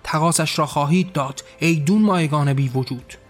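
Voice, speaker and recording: A man voicing a furious, frightened male god who rules as a tyrant and shouts commands. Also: fairly high pitch, soft background music, close to an everyday voice. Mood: raging.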